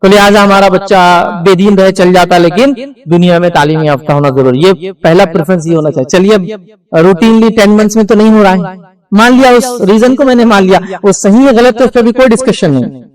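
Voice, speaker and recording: A man's voice: high voice, a little fast, rough recording. A man giving an earnest, lecturing sermon, full of rhetorical questions and asides. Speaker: preacher.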